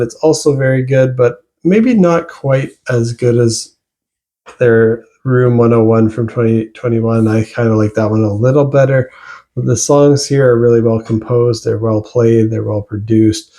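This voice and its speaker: Mellow-voiced man reviewing albums. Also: medium pitch, unhurried. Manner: relaxed, rambling, with fillers and restarts. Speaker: music reviewer. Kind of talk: casual album review vlog.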